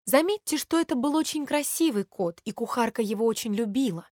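A woman reads a children's fairy tale in an expressive, measured way. Her voice sits rather high and sounds dry and close, with no room around it. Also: dry recording. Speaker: narrator reading a fairy tale. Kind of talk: storybook narration.

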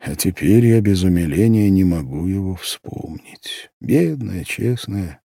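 A man reading a literary story aloud in the first person, with an expressive, emotional delivery. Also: low voice, measured pace, gravelly, slightly rough, no room sound, clean studio sound. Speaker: audiobook narrator.

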